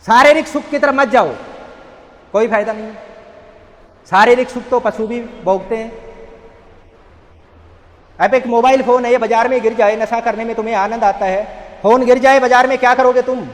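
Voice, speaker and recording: A man giving an earnest motivational talk at a rehab center, telling a parable and asking rhetorical questions. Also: extremely high pitch. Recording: echoey hall.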